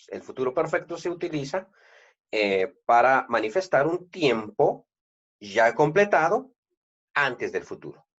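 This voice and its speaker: A man with a Guatemalan accent giving a video lesson on grammar, explaining slowly with many "eh" fillers and restarts. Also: mid-range voice, lo-fi sound. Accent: Guatemalan Spanish. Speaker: Spanish grammar teacher.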